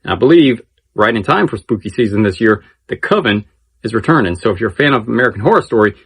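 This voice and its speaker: A man's voice: fairly low pitch, animated, fast, a bit bright, husky. A man hosting a casual update video, chatty and enthusiastic, repeating phrases for emphasis. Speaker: video channel host. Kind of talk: casual news-update commentary.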